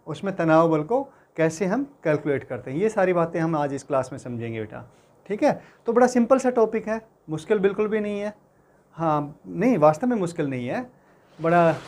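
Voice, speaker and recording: A man's voice: a little high, darkish tone. A man teaching physics in Hindi to exam students, friendly and reassuring, often checking that they follow along. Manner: friendly, addresses students as beta, asks for confirmation often.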